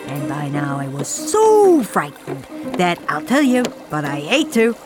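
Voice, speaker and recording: Expressive woman reading a storybook aloud. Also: low voice, unhurried. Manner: expressive, shifting between hushed and shrieking. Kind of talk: dramatic storybook read-aloud. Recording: music playing behind the voice.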